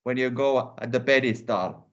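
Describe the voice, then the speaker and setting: A man co-hosting a language show who slowly repeats words back and gives short answers. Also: mid-range voice, muffled recording. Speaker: co-host. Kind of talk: slow, casual discussion of word sounds.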